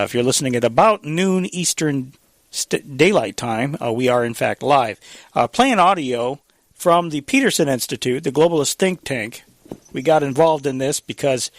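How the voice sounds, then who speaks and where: A man's voice: mid-range voice, dry recording. A man hosting a live radio talk show, speaking casually with fillers, restarts and little chuckles. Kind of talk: casual political commentary.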